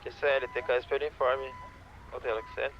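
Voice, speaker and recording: A man's voice: mid-range voice, flat delivery, fairly quick, noisy background. A man working as a police dispatcher in a game roleplay, heard over a police radio, answering in clipped radio codes. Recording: dull lo-fi radio voice.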